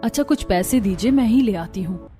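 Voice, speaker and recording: A woman's voice: medium pitch, animated, a little fast, warm tone, lightly acted. A woman voicing a determined, hopeful young daughter-in-law in a cartoon family story. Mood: reassuring. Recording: music under the voice.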